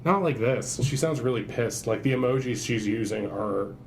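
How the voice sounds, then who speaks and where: A man's voice: medium pitch, normal speed, a little mellow, lightly acted. A man playing a griping, flustered podcast host in an audio drama, rambling and stammering as in casual chat. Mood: exasperated. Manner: rambling, stammering, sweary, exasperated. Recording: clearly noisy background.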